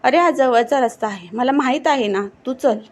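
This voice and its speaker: A woman's voice: high-pitched, moderate pace. A woman voicing a carefree, mischievous young village man in a storybook reading, in a casual, teasing tone.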